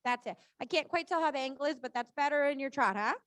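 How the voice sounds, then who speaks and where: A woman's voice: sits high, fast talker, fairly bright tone, no room sound, clean studio sound. A woman working as a riding coach, calling out short, repeated cues live in an encouraging, informal and reassuring way.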